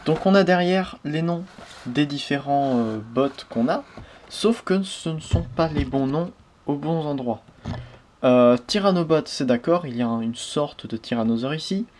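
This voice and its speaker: A man's voice: fairly high pitch, animated, unhurried, a little mellow, slight background noise. A man hosting a casual toy unboxing review, chatty and prone to small hesitations and self-corrections.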